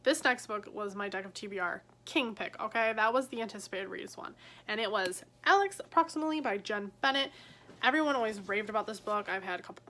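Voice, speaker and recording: A woman chatting casually about books she read, full of "like" and quick asides. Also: mid-range voice, sharp tone. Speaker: book vlogger. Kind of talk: casual book review chat. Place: at home on her bed.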